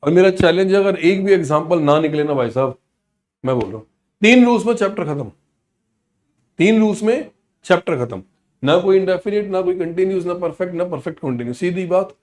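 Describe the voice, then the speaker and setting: High-voiced energetic male teacher. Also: brisk. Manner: energetic, coaxing, mixes in English phrases. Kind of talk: live online class.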